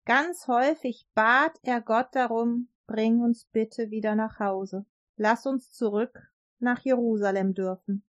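A woman telling a children's Bible story in a lively, expressive way. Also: a little high, dry recording, studio quality.

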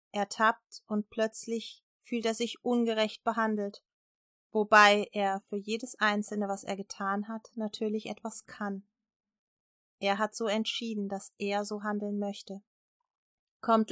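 A woman telling a Bible story to children and closing with a prayer, speaking gently and addressing her listeners directly. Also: medium pitch, no room sound, clean studio sound.

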